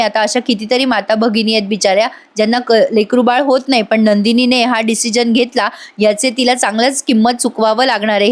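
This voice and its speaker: A woman giving a chatty voice-over review of a TV serial, addressing her viewers directly, with a slightly strained voice. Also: on the high side.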